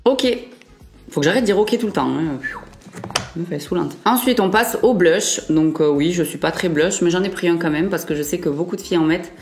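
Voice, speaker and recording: A woman's voice: lowish voice, brisk, a little mellow, soft background music. A young woman vlogger chatting casually through a makeup review, with frequent fillers and self-corrections. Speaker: beauty vlogger.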